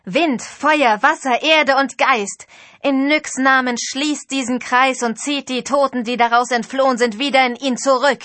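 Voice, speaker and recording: A young priestess heroine orders the spirits about, voiced by a woman. Her commands ring out loud and forceful, with a breathy edge. The recording is dry and close. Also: mid-range voice, fairly even intonation, moderate pace, hardly any pauses, no room sound, natural voice. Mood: commanding.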